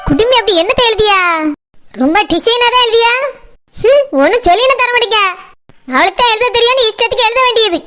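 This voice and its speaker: A woman's voice: very high-pitched, brisk, pauses often, faint music behind. A woman voicing a stubborn, quarrelsome shop owner in a cartoon, with a Kanyakumari Tamil accent. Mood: grumbling. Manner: grumbling, argumentative, mocking. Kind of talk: cartoon voice acting. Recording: loud background noise.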